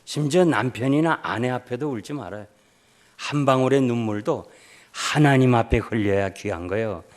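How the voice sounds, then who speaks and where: Older Korean pastor preaching emphatically. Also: male voice, mid-range voice, normal speed. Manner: emphatic, swings between loud urging and soft storytelling. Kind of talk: revival sermon.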